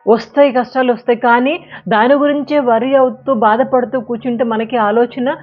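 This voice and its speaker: A woman's voice: fairly high pitch, steady tone, moderate pace, dull audio, soft background music. A woman giving a conversational motivational talk and telling a fable, with playful sound words. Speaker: motivational speaker.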